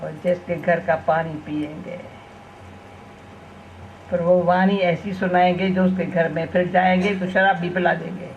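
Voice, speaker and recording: An older woman, a spiritual teacher, telling homely anecdotes in a gentle spiritual talk, often ending lines with a soft "na". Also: lowish voice, level tone, a little slow. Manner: homely storytelling, tag questions with "na". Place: event gathering. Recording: dull lo-fi recording with faint hiss.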